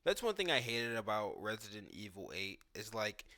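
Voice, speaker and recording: The gaming video creator speaks in a fairly low, sharp voice with a sing-song lilt and a moderate pace. He reacts loosely to cutscenes and gameplay, thinking aloud informally and often saying "like."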